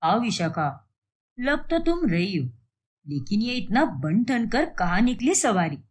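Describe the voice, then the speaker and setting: A woman voicing a calm, easygoing middle-aged father in an animated storybook. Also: unhurried, husky, exaggerated voice. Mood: mild. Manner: mild, lowered voice.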